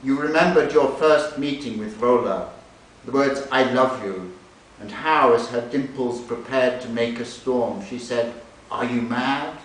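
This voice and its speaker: An unhurried man of medium pitch, working as a literary translator, sets up and reads a novel extract aloud at a live reading in a library event room. Recorded from far off, the audio is echoey and full of hiss.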